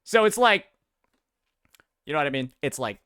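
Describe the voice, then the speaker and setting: Brief: male livestreamer, casual slangy rants, bright forceful higher voice, dry mic. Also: moderate pace, smooth, dry recording. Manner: animated, slangy, swears often, says "bro" a lot. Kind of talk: casual stream commentary.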